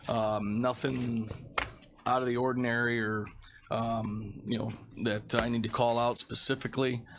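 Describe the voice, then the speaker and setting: A man who sounds under the weather, giving a halting report at a committee meeting. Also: mid-range voice, little pitch movement, background noise. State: under the weather, feeling sick. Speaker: facilities director presenting a report.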